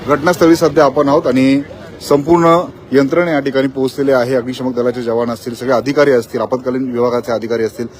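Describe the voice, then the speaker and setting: Fast-talking male field reporter outdoors. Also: medium pitch. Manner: fast, repetitive on-the-spot reporting. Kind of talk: live news report from the scene. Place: outdoors at a factory fire.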